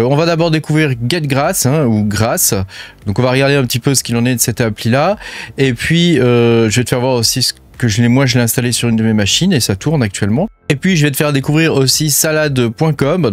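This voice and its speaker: It's a casual screen-share from a crypto channel host: a man with a mid-range voice and a French accent, recorded dry, showing apps on his screen. Expect chatty delivery thick with fillers and "hein," plus the informal "tu" for the viewer.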